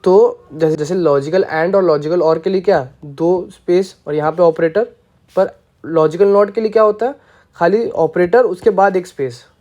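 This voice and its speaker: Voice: medium pitch, moderate pace, mellow, muffled recording. A programming teacher giving a casual screencast lesson, playful and often checking that listeners follow along.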